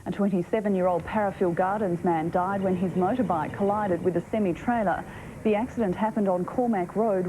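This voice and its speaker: An Australian woman reads the news from a script. Her tone is soft-edged and mellow at an average pitch, over faint background noise. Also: low-quality recording. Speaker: news presenter.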